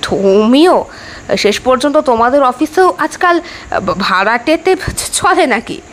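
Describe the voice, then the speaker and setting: A woman's voice: high-pitched, animated, a little slow, a little hiss or hum. A woman voicing an adult husband in an audio story, teasing and wary, hesitant at times.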